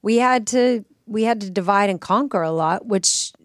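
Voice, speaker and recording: A middle-aged woman co-hosting a self-care podcast, talking earnestly and reflectively in a relaxed chat. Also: mid-range voice, no room sound. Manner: earnest, reflective, with drawn-out phrasing. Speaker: podcast co-host. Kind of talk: casual chat. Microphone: studio microphone.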